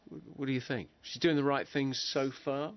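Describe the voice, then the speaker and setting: A British man hosting a talk show, interviewing guests in a lively, jokey way. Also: mid-range voice, moderate pace, dry recording, lo-fi sound. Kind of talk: casual interview chat.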